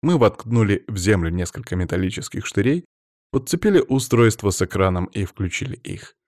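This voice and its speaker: A man reading an audiobook as narrator, in steady, measured first-person storytelling. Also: on the low side, dry recording, clean studio sound.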